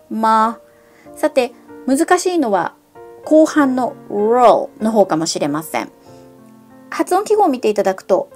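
A middle-aged woman giving a bilingual pronunciation lesson as an English teacher. She enunciates her English slowly and carefully, and she turns lively and emphatic when stressing sounds. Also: on the high side.

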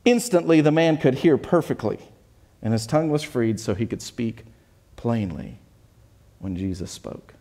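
A man's voice: mid-range voice, animated, moderate pace, mellow. A man preaching a sermon as pastor, reading scripture aloud with earnest, self-correcting asides.

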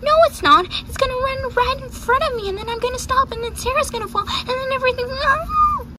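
A woman's voice: very high-pitched, wildly swooping pitch, a little slow, sharp tone, voice pushed up, heavily acted. A woman voicing a bratty, dramatic gray mare in toy horse role-play, with whiny, squealing complaints. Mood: panicky. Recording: noisy background.

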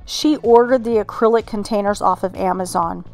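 Calm woman narrating home organizing. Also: medium pitch, normal speed, soft background music. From Texas. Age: middle-aged. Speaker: home organizing channel host. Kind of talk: scripted voice-over narration.

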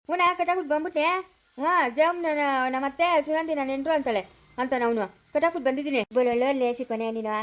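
Woman, Chikkaballapura Kannada accent, high voice, rapid bickering village comedy. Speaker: family comedy sketch performer. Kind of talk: village comedy sketch acting.

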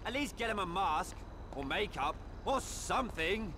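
A man's voice: high-pitched, animated, normal speed. A man playing a frantic, exasperated film set staffer in a video game, fretting like a production assistant. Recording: noisy outdoor street and vehicle ambience.

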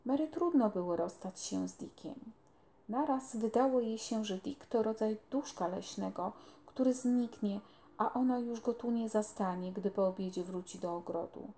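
A woman reading a children's novel aloud in a calm, unhurried way. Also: medium pitch. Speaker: storyteller.

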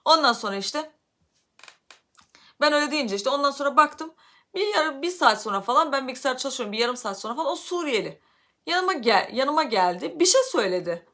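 A woman from Turkey telling a story casually to her vlog audience, animated, her voice getting loud when she is upset. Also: high voice, a little fast. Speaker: vlogger.

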